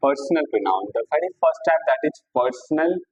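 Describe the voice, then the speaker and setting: A man with an Indian accent teaching an English grammar lesson at a board, mixing Hindi and English, dictating example sentences slowly and bantering with imagined students' questions. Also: on the high side, lively intonation, highs cut off. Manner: mixes Hindi and English, repeats "theek hai sir", dictates sentences slowly.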